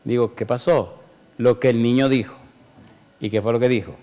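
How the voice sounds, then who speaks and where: A man's voice: mid-range voice, fairly even intonation, normal speed, warm tone, long reverb tail. A man preaching a sermon in a church, telling a story and then urging people to come forward, in an emphatic, pleading way. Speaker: pastor. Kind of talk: sermon with altar call.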